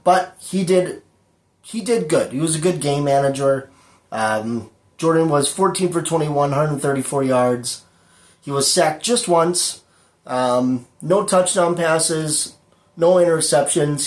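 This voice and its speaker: A man's voice: medium pitch, roomy sound. A man hosting his own football prediction show, talking casually with lots of fillers and a dry sarcastic streak. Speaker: sports prediction show host. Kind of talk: casual solo sports talk.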